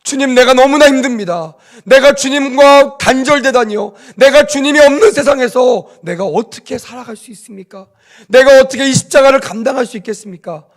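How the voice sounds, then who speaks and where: A male preacher becomes a man in agony, crying out to God as if abandoned. His voice climbs high and loud, each plea breaking open with despair. Rich with anguish, delivered straight to a listening congregation. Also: fairly quick. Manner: pleading, loud, rising cries.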